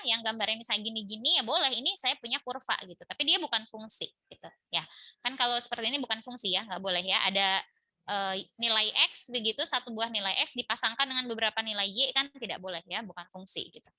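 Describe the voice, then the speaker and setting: A woman's voice: a little high, quick pace, bright, forceful tone, dry recording. A woman teaching an online math lecture from home, chatty and explaining step by step with frequent tag questions. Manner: chatty, tags lines with "gitu ya". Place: home in a village by a busy road. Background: motorbike traffic.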